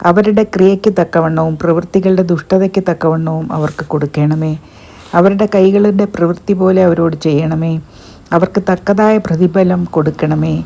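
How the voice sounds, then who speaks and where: A woman giving a slow, solemn reading of psalms as a scripture reader. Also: sits low, warm tone.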